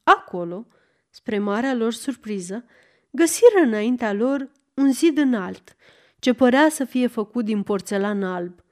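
A woman narrating a storybook aloud in a calm, measured reading. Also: on the high side. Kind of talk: audiobook storytelling.

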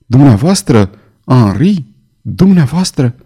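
A man voicing a timid, frightened young woman pleading with her lover, in a mellow voice. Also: mid-range voice, sing-song, husky. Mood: anxious. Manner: trembling, pleading.

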